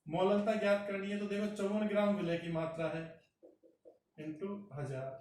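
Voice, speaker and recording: A man's voice: high voice, steady tone, a little mellow. A man teaching chemistry, working a problem step by step and doing the arithmetic aloud. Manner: slow, talks through arithmetic aloud. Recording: roomy echo from far off the mic.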